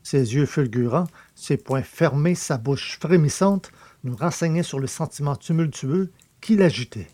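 A male narrator reads a classic novel in a measured storytelling manner. His tone is dark and mellow with a husky grain, and the recording is close and dry. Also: a little high, expressive, no echo. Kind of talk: scripted audiobook narration.

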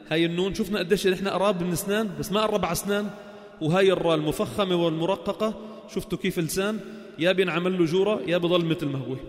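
A man with a Levantine Arabic accent teaching Quran recitation, asking questions and chanting sounds slowly to show them. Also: sits high, long reverb tail. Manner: slow, drawn-out chanted demonstrations of sounds and words; asks the class questions and answers them himself. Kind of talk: spoken lesson on tajweed.

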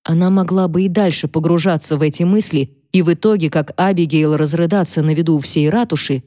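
Low-voiced woman narrating a novel. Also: fairly quick, dark tone, no room sound, clean studio sound. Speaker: audiobook narrator. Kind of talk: scripted narration.

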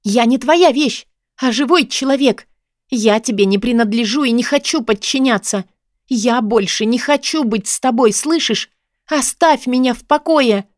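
A woman voicing a frightened but defiant young female student, pleading and protesting in a high, tense voice. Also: expressive, normal speed, hardly any pauses, no room sound, studio quality.

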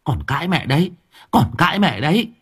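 A poor village mother, anxious and quick to scold, speaks shrilly and frantically, as a man puts her on in an audiobook. The voice is husky and swings widely in pitch. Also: sing-song, exaggerated voice.

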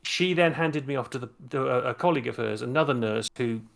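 A man's voice: medium pitch, quick pace, gravelly. A middle-aged man, casually telling an anecdote on a podcast, with frequent restarts. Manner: chatty storyteller, acts out dialogue with repeated restarts. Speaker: podcast co-host.

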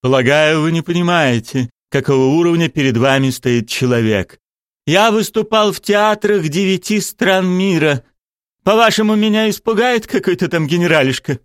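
A man's voice: on the high side, expressive, normal speed, clean tone, no echo, studio quality, pitched above the performer's own voice, close to an everyday voice. A male narrator voicing a vain, pompous stage actor who declaims every line theatrically. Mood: grandiose.

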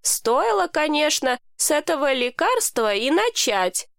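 A woman reading an audiobook, voicing a wry, steady grown woman calming a hurt boy. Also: sits high, a little slow, vocal fry, no echo, clean studio sound, voice pushed up, exaggerated voice. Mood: reassuring. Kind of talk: audiobook character voice.

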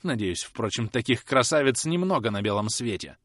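A man reading an audiobook aloud, voicing a sharp-tongued young housemaid who talks back quickly and defiantly. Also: mid-range voice, animated, dry recording, voice pushed up, natural voice. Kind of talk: audiobook character voice.

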